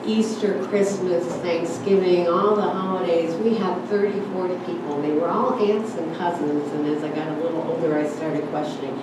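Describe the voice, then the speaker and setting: An older woman born in Germany shares her family's immigration story as a guest speaker at a church forum, speaking conversationally with many "you know"s and "uh"s. Her lowish voice keeps a steady tone at a moderate pace with hardly any pauses. The church hall sounds roomy, with a distant mic and background noise.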